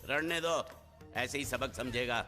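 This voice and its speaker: An actor playing a stern, scheming rich merchant who barks orders gruffly in a film comedy. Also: male voice, medium pitch, normal speed, over music, natural voice. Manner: gruff and commanding. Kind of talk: Hindi film comedy dialogue.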